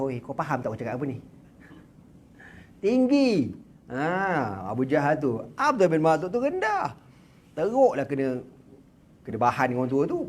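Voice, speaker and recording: In a prayer room, a religious teacher with a Malaysian Malay accent gives a lecture, telling the story in a lively, joking way full of slang and sound effects. His voice is mid-range, with slight background noise.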